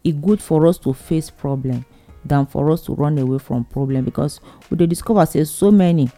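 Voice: mid-range voice, fairly quick, warm tone, faint music behind. A programme host with a Nigerian accent giving advice on family life in a conversational, preachy way, repeating phrases for emphasis.

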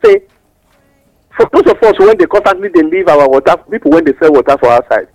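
A man's voice: on the high side, wildly swooping pitch, fast talker, darkish tone, no echo, dull audio. A man with a Nigerian accent explaining things in West African Pidgin English, teaching through examples and rhetorical questions as a radio guest giving advice.

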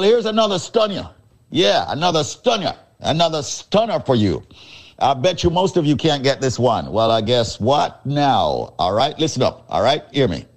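A man hosting a radio show, giving a showy, teasing sales pitch and repeating his points. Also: darkish tone. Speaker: radio host selling a supplement.

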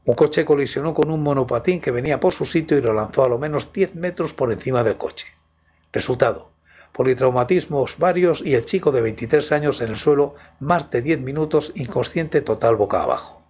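A man's voice: mid-range voice, fairly quick, darkish tone, slightly rough. A man with a Spain Spanish accent narrating in the first person as a storytelling host.

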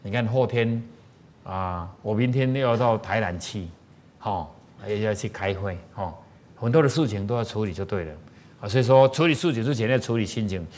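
A Taiwanese-accented man, speaking as a spiritual teacher, delivers a lively sermon-like lecture packed with rhetorical questions for his audience. His voice sits on the low side and moves at an ordinary pace.

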